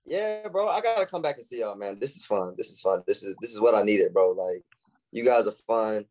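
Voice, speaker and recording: A man's voice: lowish voice, animated, brisk, darkish tone, low-quality recording. A young man, a guest on a podcast, talking in casual chat and acting out quoted lines in shifting voices.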